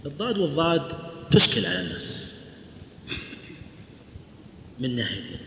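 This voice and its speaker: A man teaching a tajweed class in a lecture hall. He explains quickly, asks his students questions and recites verse slowly. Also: medium pitch, pushed and bright. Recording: echoey hall, dull lo-fi sound, faint hum.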